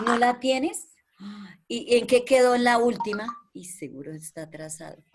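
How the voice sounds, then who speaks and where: A woman's voice: fairly high pitch, animated, moderate pace, noisy background. Patient woman teacher on a video call. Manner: patient, repeats key words to drill pupils. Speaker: primary school teacher. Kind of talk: online class teaching.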